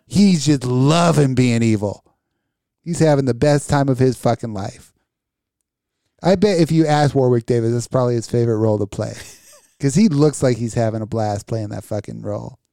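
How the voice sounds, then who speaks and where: A man's voice: medium pitch, warm tone, dry recording, clean studio sound. A man co-hosting a podcast in crude, casual chat, ranting with lots of swearing and laughing often. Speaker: podcast co-host.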